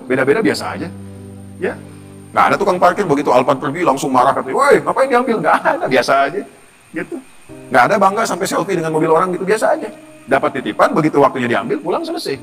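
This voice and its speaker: A man's voice: on the high side, fairly bright tone. A male Islamic preacher giving a conversational sermon, often asking the audience rhetorical questions.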